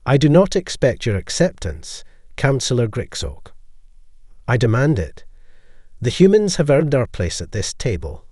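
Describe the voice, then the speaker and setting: A man reads a quietly authoritative male scientist in a sci-fi audio story. He speaks calmly and firmly, with lively rises and falls. The sound is dry and close. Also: mid-range voice, unhurried, no room sound. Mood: grave. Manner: calm, firm.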